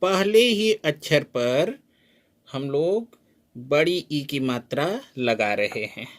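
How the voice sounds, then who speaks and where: Man, teacher, spoken lesson, drawn-out syllables, fairly high voice, very slow pace. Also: animated. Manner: drawn-out, sounded-out syllables and questions to the learner. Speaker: Hindi teacher.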